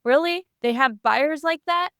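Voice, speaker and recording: A woman's voice: sits high, measured pace, fairly bright tone, no echo, studio quality, voice pushed up. A woman doing a teasing impression of her male co-host, exaggerated and incredulous. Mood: mock indignant.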